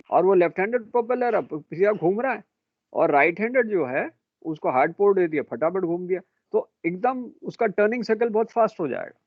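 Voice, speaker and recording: A middle-aged man runs a classroom lecture with a high-pitched voice. He fires questions at his students and calls them beta and bhai. The sound is dry and tinny, like a phone line. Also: no room sound. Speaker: marine engineering teacher.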